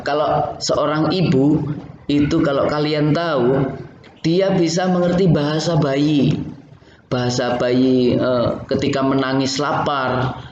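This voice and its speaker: Slow-spoken man teaching in an echoey room. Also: mid-range voice, darkish tone, slight background noise. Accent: Indonesian. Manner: slow, explanatory, addresses students directly. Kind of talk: theater lesson. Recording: echoey room, slightly dull sound.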